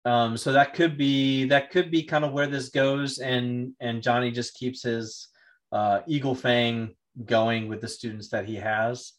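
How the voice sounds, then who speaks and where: A man speaking to camera in a relaxed vlog style, thinking aloud. His speech wanders, full of fillers and restarts. His voice sits at an ordinary middle pitch. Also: a little slow. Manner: rambling, hesitant, many fillers and restarts. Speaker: YouTuber reviewing a TV series. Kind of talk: casual spoken vlog commentary.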